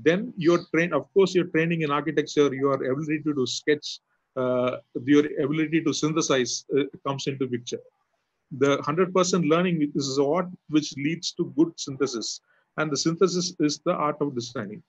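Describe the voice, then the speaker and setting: A man, answering questions in a webinar as an architecture lecturer, pausing often with fillers and restarts. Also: fairly high pitch, breathy edge, no echo. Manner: hesitant, many fillers and restarts. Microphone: video call mic. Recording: muffled lo-fi webinar audio.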